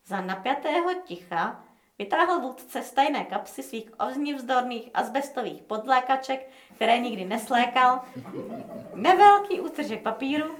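A woman's voice: high voice, expressive, reverberant. Woman reading a story aloud. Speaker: narrator.

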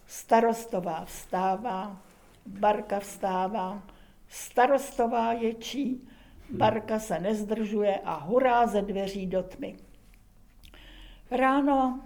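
A woman narrating a humorous folk tale in a lively, expressive reading with dramatic pauses. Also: medium pitch. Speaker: storyteller.

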